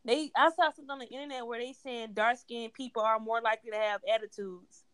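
Woman co-host, emphatic and loud, higher voice, dry close sound. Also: steady tone, fast, clear, resonant tone, no room sound. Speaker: co-host, teacher. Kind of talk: casual podcast discussion.

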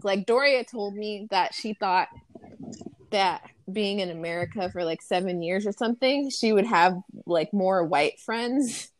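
A woman's voice: mid-range voice, no echo. A woman talking frankly and bluntly in a casual conversation, swearing freely.

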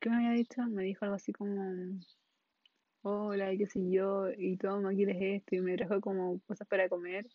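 A woman's voice: mid-range voice, level tone, quick pace, hardly any pauses, dry recording. A young woman with a Chilean accent tells a story in a loose, scattered way, heavy with slang and laughter. Her voice sits mid-range and sounds dry and close. The recording is dull and lo-fi. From northern Chile. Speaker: podcast host. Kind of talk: casual storytelling monologue.

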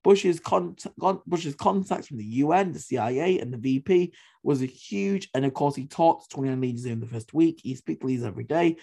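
A man with a fairly high, mellow voice hosts a history podcast. He talks in an emphatic, opinionated way, hammering home his points by repeating them and dropping the odd curse word. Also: expressive, a little fast, gravelly, slightly rough. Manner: emphatic, repeats points for stress, swears casually. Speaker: podcast host.

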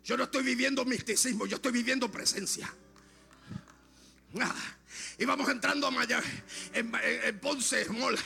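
A male Puerto Rican pastor preaching a Pentecostal sermon, shouting in tongues and then dropping to quiet storytelling. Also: very high voice, steady tone, moderate pace, gravelly, slightly rough, faint music behind. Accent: Puerto Rican Spanish. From Puerto Rico.

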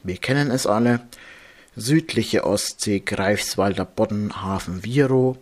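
A man with a fairly low voice delivers a marine radio bulletin at a very slow pace. He reads like a formal announcer of sea warnings, measured and methodical, giving each item separately and with care. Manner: measured, formal, spelling out with phonetic alphabet.

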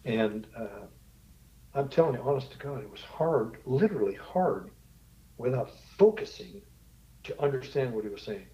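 Casting: mid-pitched man, storytelling guest who laughs easily, muffled lo-fi sound. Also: animated, moderate pace, dark tone. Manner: chuckling, storytelling. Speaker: guest, TV show host. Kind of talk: casual interview chat.

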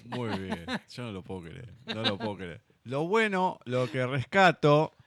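A man's voice: medium pitch, huge pitch swings, unhurried, creaky, background noise. A man with a Rioplatense Argentine accent hosting a literary radio show, joking with his co-host and signing off. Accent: Rioplatense Argentine Spanish. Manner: teasing, joking. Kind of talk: casual radio banter and sign-off.

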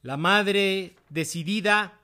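A man preaches a sermon at an unhurried, deliberate pace. His voice sits a little high for a man and rises for emphasis on key phrases. He drops lower and faster to cite chapter and verse. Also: bright, forceful tone. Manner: cites chapter and verse in a quick aside, voice dropping.

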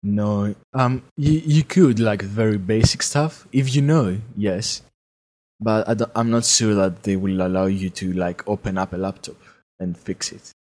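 A man's voice: fairly low pitch, measured pace, a little mellow. A young man from Greece with a Greek accent, chatting casually on a podcast and often repeating words as he starts. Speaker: podcast co-host. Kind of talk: casual chat.

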